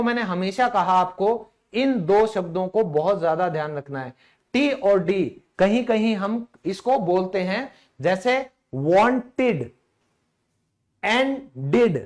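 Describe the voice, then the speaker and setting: A man gives an online English lesson in a chatty style, quizzing viewers with rhetorical questions and slowing down to pronounce words carefully. His voice is high, a little mellow and slightly hoarse.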